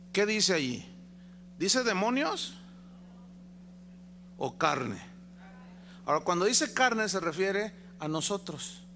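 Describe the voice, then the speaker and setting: A Mexican pastor delivering a sermon, folksy and chatty, who keeps quizzing his congregation. His voice sits high for a man, with a gravelly grain and a bright, forceful edge. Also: slight background noise.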